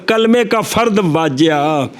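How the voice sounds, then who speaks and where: A man with a high voice and a Punjabi accent teaches Arabic grammar to a class. He speaks in short phrases and pauses so that his students can echo his words back. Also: expressive. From Punjab, Pakistan. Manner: explains in short phrases, then prompts students to repeat. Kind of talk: classroom lecture with call-and-response.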